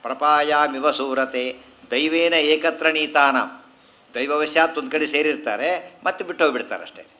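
Bright-voiced man expounding Sanskrit verses. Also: mid-range voice. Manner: chants verses slowly, then explains briskly in colloquial talk. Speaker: scripture teacher. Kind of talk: Kannada discourse on Sanskrit verses.

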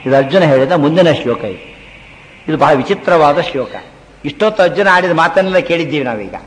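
A man giving a storytelling religious discourse, slowly chanting Sanskrit verses between lively retellings. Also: on the high side. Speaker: religious lecturer. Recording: echoey hall with long reverb.

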